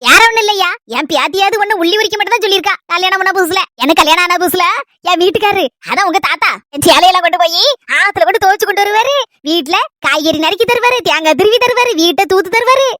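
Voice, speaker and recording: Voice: very high voice, fast talker, bright, forceful tone, no echo, clean studio sound. A performer voicing a fond, chatty old village grandmother with a Kanyakumari Tamil accent in a cartoon. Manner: affectionate, rambling, teasing. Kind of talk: cartoon dialogue.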